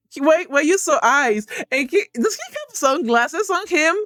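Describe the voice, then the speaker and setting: A woman streaming a game, excitable and giggly, who swears freely as she reads and reacts. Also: sits high, dry recording, clean studio sound. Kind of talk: gaming stream commentary.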